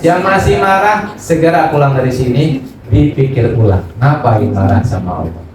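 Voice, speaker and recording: A man giving a religious study sermon, lively and acting out examples, often asking his audience questions. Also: medium pitch, normal speed, over music. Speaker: Islamic preacher. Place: study gathering room. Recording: echoey room, distant mic, noisy.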